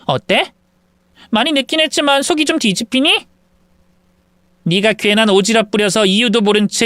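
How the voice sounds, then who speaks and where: A woman's voice: a little high, a bit bright, no room sound, clean studio sound. A woman voicing a vindictive young woman who smugly taunts her former friend over the phone in a drama story. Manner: taunting, smug, cruel. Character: gloating vindictive young woman, husband-stealer. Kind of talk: acted phone quarrel in a story video.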